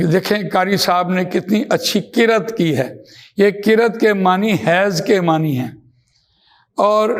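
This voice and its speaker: A man teaching how to read the Quran, explaining terms step by step and slowing down to recite verses. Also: sits high. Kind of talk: religious lesson.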